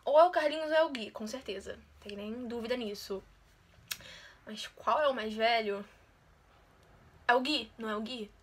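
Her voice is on the high side and a bit bright as this YouTuber works through a quiz on her channel. She keeps up casual, chatty banter, mocking herself while staying competitive.

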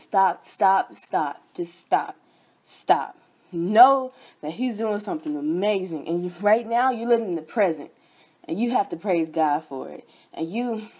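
A woman's voice: fairly high pitch, a little mellow. A young woman hosting a sermon broadcast, preaching fervently with repeated chanted refrains. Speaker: host and preacher.

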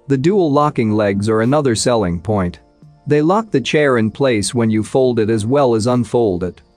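A man with a mid-range voice reads a scripted countdown of product picks in an even, measured voice-over. Faint music plays softly underneath his narration. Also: medium pitch.

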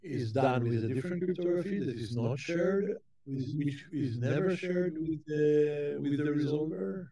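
A man giving a conference keynote lecture, talking in a halting way with frequent restarts and repeated words. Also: fairly high pitch, mellow. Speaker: keynote speaker.

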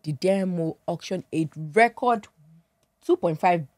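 A woman's voice: fairly low pitch, a little slow, darkish tone, no room sound. A young Nigerian woman presenting business news in a studio chat, talking through figures with fillers and easy laughs. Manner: chatty, laughs easily, many fillers. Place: TV studio with seated guests. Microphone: studio mic on boom arm.

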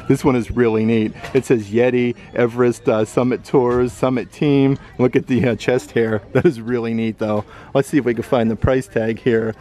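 Male vlogger, mid-pitched, cheerful store walkthrough, handheld camera mic indoors. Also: a little mellow. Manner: upbeat, enthusiastic, reads out prices. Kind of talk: walkthrough shopping vlog narration. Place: indoor retail outlet store. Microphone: handheld camera mic, filming himself browsing.

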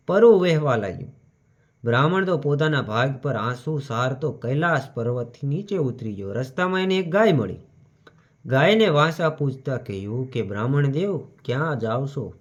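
Male storyteller, mid-pitched, steady devotional narration, dull lo-fi sound. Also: moderate pace. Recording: dull lo-fi recording.

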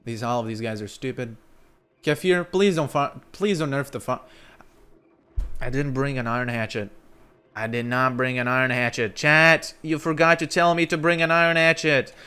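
A young man from Lithuania, streaming live gameplay commentary into a headset and talking to his chat, breaking into loud exclamations. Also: medium pitch, moderate pace, clear, resonant tone. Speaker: gaming streamer.

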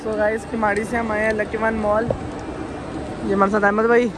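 A man presenting a casual travel vlog in a quick, upbeat manner. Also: high-pitched, little pitch movement, background noise. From Pakistan. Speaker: travel vlogger.

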